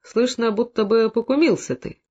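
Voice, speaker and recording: A man's voice: extremely high pitch, normal speed, darkish tone, voice pushed up. A man voicing a sly village shopkeeper who needles with feigned indifference. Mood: sneering. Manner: mock-indifferent, sneering. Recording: dull lo-fi recording.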